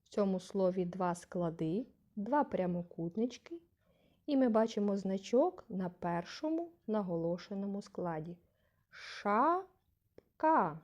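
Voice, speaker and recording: A woman teaching a young class, slow and patient, saying example words aloud with a rising question tone to stress syllables. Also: mid-range voice, lively intonation, dark tone, muffled recording. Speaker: primary school teacher. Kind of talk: scripted lesson narration.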